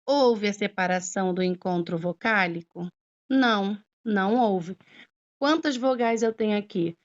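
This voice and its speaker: In a mid-range voice at a measured pace, a woman teacher patiently explains grammar in a slow classroom style. She draws out her syllables and keeps checking on her students, and the lo-fi recording sounds dull.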